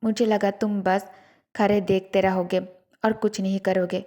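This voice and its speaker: A feisty young woman voiced by a woman narrator speaks her mind plainly and with some indignation. The voice is mellow and close to an everyday speaking voice. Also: mid-range voice, flat delivery, a little slow, lightly acted. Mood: curious, defiant. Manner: indignant, direct.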